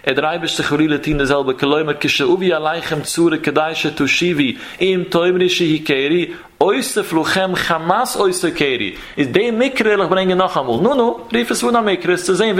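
A man teaching a traditional Talmudic lecture in a sing-song study chant. His voice sits somewhat higher than most men's as he moves between reading Hebrew passages and explaining them. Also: a bit bright. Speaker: Torah teacher.

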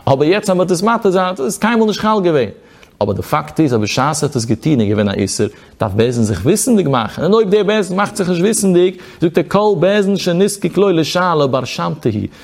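A man's voice: fairly high pitch, lively intonation, quick pace, creaky. A man giving a Talmudic study lecture as a religious teacher, in a sing-song study cadence that swoops up and down.

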